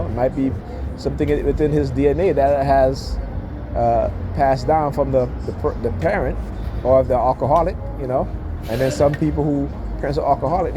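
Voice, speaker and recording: A man with a slightly high voice delivers an informal, opinionated rant. He talks emphatically and punctuates his points with short check-in questions. There is clear background noise throughout the recording. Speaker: speaker giving commentary.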